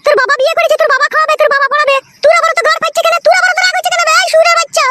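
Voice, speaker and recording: A screeching foul-mouthed young wife. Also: female voice, very high voice, steady tone, racing. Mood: furious. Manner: screeching insults. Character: brash twice-married young wife, foul-mouthed and violent. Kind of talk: comic cartoon dub. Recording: loud background noise.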